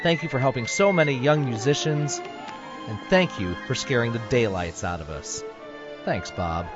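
A man's voice: medium pitch, animated, moderate pace, highs cut off, over music. A man hosting on radio, reading a scripted tribute in a presenter's style. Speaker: radio host.

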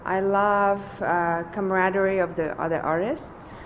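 Russian-accented middle-aged lady, halting and searching for words, muffled lo-fi recording. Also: medium pitch, fairly even intonation. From Lithuania. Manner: hesitant, halting phrasing with fillers. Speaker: painter, interview guest. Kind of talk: casual interview. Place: large old building studio. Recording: dull lo-fi sound with faint noise.

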